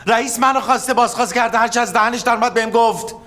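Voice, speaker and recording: A scolding furious man, high voice, long reverb. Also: lively intonation, a bit bright. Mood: angry. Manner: scolding, angry, threatening. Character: furious man berating his careless friend. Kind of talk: TV drama acting.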